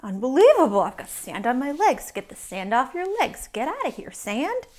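A woman teaching yoga to young children, playful and silly, with sudden high exclamations. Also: big pitch swings, moderate pace. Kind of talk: guided kids' yoga lesson.

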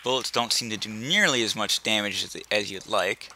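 A man's voice: fairly low pitch, a little fast, pushed and bright, a little hiss or hum. A man giving casual commentary while playing a video game, with dry, rambling asides. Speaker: gameplay commentator. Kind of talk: casual let's-play commentary. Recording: game music behind the voice. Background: game music.

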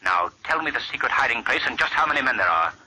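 An actor playing The Shadow, an invisible man of mystery who speaks in a measured, deliberate, menacing calm, in 1940s radio acting. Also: mid-range voice, breathy edge, exaggerated voice, rough recording. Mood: commanding.

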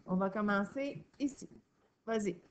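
A woman with a Québécois accent teaching a reading lesson to children, sounding out words slowly and praising answers. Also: medium pitch, a little hiss or hum. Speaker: primary school teacher.

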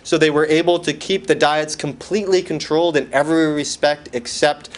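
A man's voice: a little high, steady tone, a little fast. A man giving a conference lecture from slides, with dry, wry asides, questions to the audience and many fillers and restarts.

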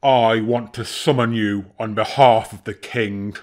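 A heavy, stern male bear from a storybook, dragging out each word in a low, solemn voice, as a man acts him out. He is a weighty royal messenger with no warmth to spare. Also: fairly even intonation, a little slow, lightly acted.

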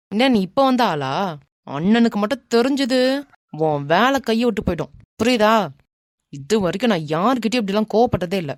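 A woman plays a brash young man in a cartoon, bossy on the surface but softhearted, who mutters his thoughts aloud. The voice sits mid-range and carries a Kanyakumari Tamil accent, recorded close and dry with no room sound. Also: mid-range voice, no echo, natural voice. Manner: mutters to himself, scolds then turns gentle. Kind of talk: animated cartoon dialogue.

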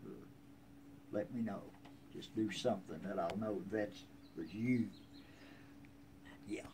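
On a covered wooden porch, an interviewee in his seventies talks slowly about his family's history in a fairly low voice. His rural American accent and folksy, plainspoken delivery feel casual and reminiscent. He's recorded on a handheld phone a few feet away, with outdoor ambient noise.

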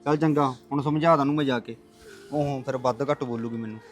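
A man's voice: mid-range voice, steady tone, quick pace, lightly acted. A man playing a young husband caught between his wife and his father, talking in a pleading, placating way. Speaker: son and husband.

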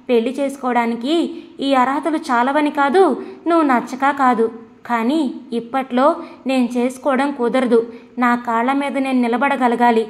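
A woman's voice: high-pitched, close to an everyday voice. Woman narrator doing a condescending young college man in a storybook reading; lectures, brushes things off. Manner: lecturing, talks down. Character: young male student, glib and dismissive.

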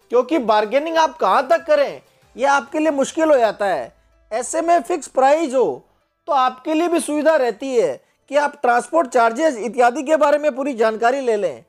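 A man, hosting a livestock channel, presenting a cow for sale in a steady, promotional, explanatory voice-over. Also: very high voice.

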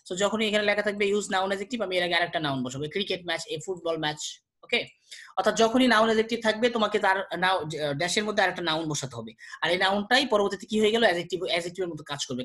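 Young guy from bangladesh teaching exam grammar really fast, slows down to read the examples. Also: high-pitched, bright, forceful tone. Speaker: English tutor. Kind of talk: exam-prep grammar lesson.

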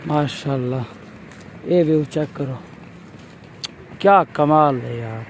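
A man with a Pakistani Punjabi accent, his voice mid-range and slow, films a walking tour as a vlogger, giving casual, exclaiming commentary full of repeated catchphrases. He walks along a city roadside outdoors, recording on a handheld phone camera. The audio is very noisy, with traffic and street sounds all around.

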